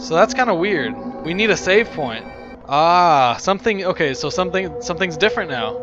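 A man's voice: a little high, lo-fi sound. Jumpy Texan guy playing a horror game. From Texas, USA. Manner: jittery, talks to himself, yelps and sing-songs when scared. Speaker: gaming YouTuber. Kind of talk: horror game let's play commentary.

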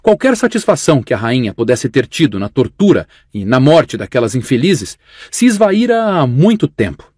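A man narrating an audiobook in an expressive storytelling style with a husky voice. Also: mid-range voice, moderate pace, dry recording, studio quality. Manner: expressive storytelling with varied intonation.

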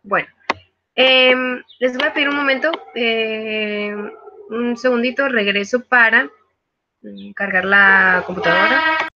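A woman with a higher-pitched voice speaks slowly, heard through lo-fi sound with background noise. She's a virtual tutor teaching English in a live online class, explaining patiently but hesitating often.

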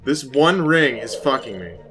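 A man's voice: medium pitch, animated, measured pace, fairly bright tone, soft background music. A young man co-hosting a let's play, flustered and muttering curses as he struggles with the controls. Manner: flustered, muttering and cursing while playing. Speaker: gaming channel co-host. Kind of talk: casual let's play commentary.

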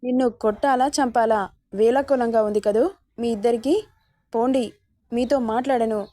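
A woman's voice: a little high, fairly even intonation, moderate pace, no echo, close to an everyday voice. A woman voicing an angry, tearful young wife who argues and refuses to give in. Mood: upset. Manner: indignant, shouting.

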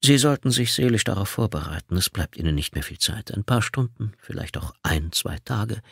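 A man's voice: fairly low pitch, animated, gravelly, a bit bright, husky, dry recording, studio quality, full character voice. A man reading an audiobook, voicing a menacing male killer who taunts his victim over the phone. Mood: taunting. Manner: taunting, slow and sneering.

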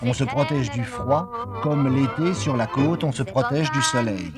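A man's voice: mid-range voice, lively intonation, unhurried, loud music behind the voice. A man narrating a television documentary report in a lyrical, playful, polished manner.

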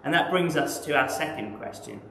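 A man with an English accent preaching a sermon in a measured, reflective way, often posing rhetorical questions. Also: a little high, expressive, fairly bright tone, roomy sound, a little hiss or hum, low-quality recording. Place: church.

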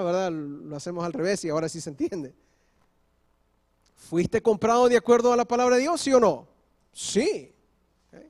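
High-voiced pastor preaching a sermon. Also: male voice. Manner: explains step by step, often checking in with "¿ok?"; switches briefly into English. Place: church.

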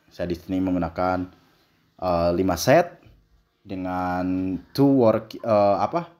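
A young fitness vlogger chats casually while lifting, explaining as he goes and tossing in loose English phrases. His voice is low and slightly mellow. A camera on a stand across a large indoor gym records him from a distance.

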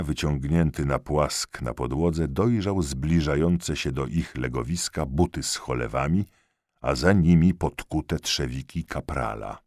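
Male audiobook narrator, deep, slow, lively intonation. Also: no echo, clean studio sound. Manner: expressive, measured storytelling. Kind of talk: scripted narration.

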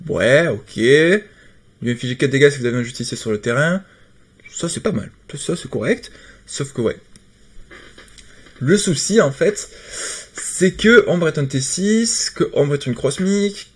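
A man's voice: mid-range voice, slightly rough. A man giving casual commentary on a card game patch. He hesitates often and restarts his sentences. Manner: hesitant, many fillers and restarts.

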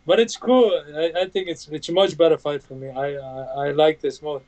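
A man from Bosnia, a native Bosnian speaker, speaks in a steady, flat tone. His answers stop and restart around fillers. The sound is dull and lo-fi, like webcam audio from a room at home. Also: a little high. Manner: plain halting speech with many fillers. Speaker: UFC fighter guest. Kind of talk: video call interview. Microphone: video call webcam. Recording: dull lo-fi video call audio.

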